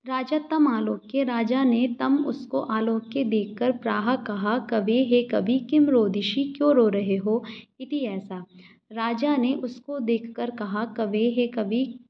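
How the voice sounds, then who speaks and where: Woman teacher, slow and methodical, repeats each phrase; muffled lo-fi audio. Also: a little high, vocal fry, a little hiss or hum. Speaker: Sanskrit teacher. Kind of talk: line-by-line Sanskrit explanation in Hindi. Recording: dull lo-fi recording.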